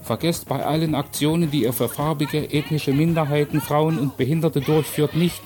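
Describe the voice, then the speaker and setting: A man reading a story aloud and then giving measured, earnest commentary as a radio presenter. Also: fairly high pitch, fairly even intonation, darkish tone, faint music behind.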